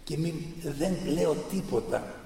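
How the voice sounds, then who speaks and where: A man's voice: fairly high pitch, expressive, vocal fry, mellow, recorded from a distance, a little hiss or hum. Fervent man lecturing in an echoey hall. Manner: fervent, emphatic, piles up repeated phrases. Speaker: speaker giving a talk on church tradition. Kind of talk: impassioned public lecture.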